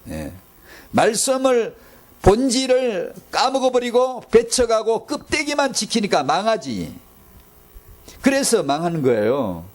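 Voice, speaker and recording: A man's voice: high voice, very animated, a little slow. A man preaching a sermon as pastor, firing off rhetorical questions, repeating himself for emphasis and bantering with the congregation.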